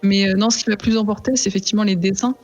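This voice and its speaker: A woman reviewing comics on a podcast, in measured and casual chat with some slang. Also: mid-range voice, fairly even intonation, a little mellow, soft background music.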